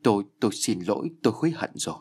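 Man playing a guilty middle-aged mother, panicked pleas, husky, low. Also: big pitch swings, fairly quick. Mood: terrified. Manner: frightened, stammering pleas.

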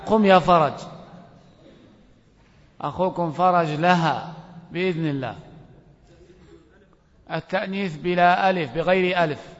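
High-voiced sheikh quizzing students in a hall. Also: male voice, a little slow, long pauses. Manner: questions students directly, stretches words for emphasis. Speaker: sheikh teaching a grammar course. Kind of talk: classroom lesson with oral quizzing. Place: lecture hall. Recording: dull lo-fi recording with long hall reverb.

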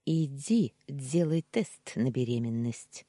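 A woman's voice: extremely low pitch, slow pace, mellow, no echo, heavily acted. A woman voicing a bitter, scornful young wife of twenty-one who talks sharply and hisses her demands. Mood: cold, demanding.

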